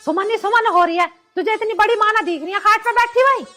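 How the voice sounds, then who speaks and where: A sharp-tongued village mother-in-law, bossy and nagging, played by an actress. Her voice sits very high and bright. Soft music runs underneath. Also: quick pace. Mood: scolding. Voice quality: scolding, nagging rural speech. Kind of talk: rural comedy drama acting.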